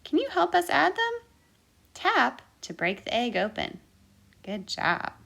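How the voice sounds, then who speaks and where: In a high, sharp-toned voice with vocal fry and wildly swooping pitch, a woman speaks a little slowly. She's hosting an interactive children's baking lesson, counting and singing along and encouraging listeners with repeated sing-song instructions.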